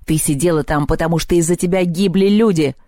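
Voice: medium pitch, fairly quick, dark tone, no room sound, studio quality, close to an everyday voice. A reader voicing a proud, hot-tempered male god-warlord who barks and growls. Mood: angry. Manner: growling, barking.

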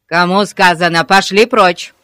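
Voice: medium pitch, normal speed, dry recording, close to an everyday voice. Bossy village cop who barks everything, read by an audiobook narrator; dry close sound. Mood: furious shouting. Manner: shouting orders. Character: bossy loud village policeman, man. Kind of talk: audiobook character voice.

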